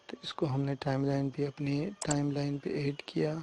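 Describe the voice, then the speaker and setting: Man calmly walking through a software tutorial. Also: a little high, slight background noise. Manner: step-by-step explaining, often checks in with the listener; hesitant fillers and restarts while working on screen. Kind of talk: screen-recorded software tutorial.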